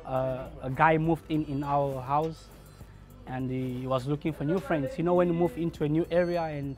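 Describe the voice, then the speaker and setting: Soft-spoken barber, earnest and measured. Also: male voice, on the high side. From Congo. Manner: earnest, measured, acts out remembered dialogue. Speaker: barber and shop owner. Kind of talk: documentary interview, personal story. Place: inside his barbershop.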